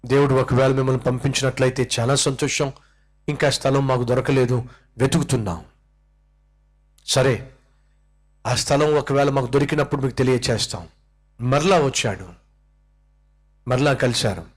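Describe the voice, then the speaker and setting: Male pastor, church sermon, storytelling, animated, questions the congregation. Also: medium pitch, moderate pace, pauses often.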